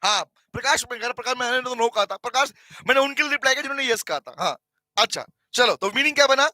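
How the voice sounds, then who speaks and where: Indian man, lecturer, very high voice, dry close sound, animated, teasing. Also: no echo, rough recording. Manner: animated, teasing, calls students by name; repeats key phrases slowly for notes. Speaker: teacher. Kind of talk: online classroom lecture.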